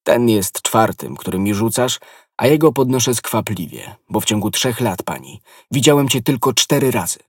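A man's voice: mid-range voice, animated, normal speed, slightly rough, dry recording, clean studio sound, recorded from a distance. A man reading an ardent lovesick nobleman. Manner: passionate, impassioned declarations. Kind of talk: audiobook character reading.

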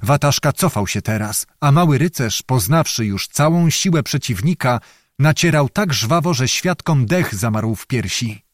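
A male narrator reads a historical novel in a measured, dramatic way, with lively intonation and an ordinary male pitch. The recording is dry and close, like a small studio booth.

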